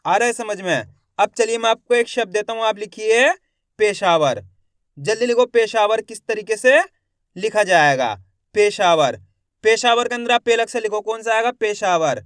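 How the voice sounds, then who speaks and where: A male reading teacher who sounds out each syllable one by one, then says the whole word slowly, and asks his viewers questions that he answers himself. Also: sits high, a bit bright, no room sound, studio quality. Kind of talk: slow spelling lesson, syllable by syllable.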